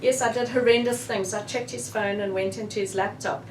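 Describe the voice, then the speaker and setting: A woman's voice: on the high side, brisk. Frank South African woman in a room. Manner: frank and animated. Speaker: author. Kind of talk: candid book launch discussion. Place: bookshop event room. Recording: roomy, distant, with faint room noise.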